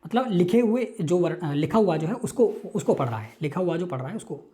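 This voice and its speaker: A woman teaching Sanskrit in an online lecture, explaining a text slowly, repeating terms and checking that listeners follow. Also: lowish voice, lively intonation, warm tone.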